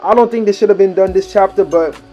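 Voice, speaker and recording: A man casually breaking down a manga chapter, excited and slangy with many fillers. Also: high-pitched, fast talker, highs cut off, soft background music. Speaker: anime reaction creator.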